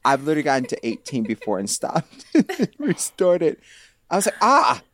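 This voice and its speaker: A woman co-hosting a podcast in casual chat, telling stories with animated laughter. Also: low voice, fairly quick, no room sound. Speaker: podcast co-host.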